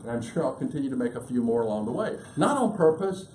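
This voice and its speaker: Guy giving a business talk to a crowd in a room, rapid and emphatic, mellow voice, echoey room with faint hum. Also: medium pitch, very animated. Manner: emphatic, rapid, listing points. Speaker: business speaker. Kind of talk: live seminar presentation. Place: meeting room with audience.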